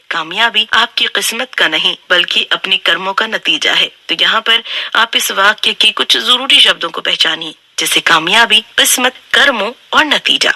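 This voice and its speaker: A woman narrating a book summary in a steady, instructive, scripted way. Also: a little high, dry recording.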